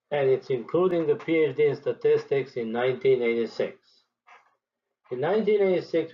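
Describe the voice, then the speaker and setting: A man in his sixties from Serbia, giving a measured, deliberate teaching presentation as a statistics professor. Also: medium pitch, muffled recording. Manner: deliberate, measured lecturing with pauses.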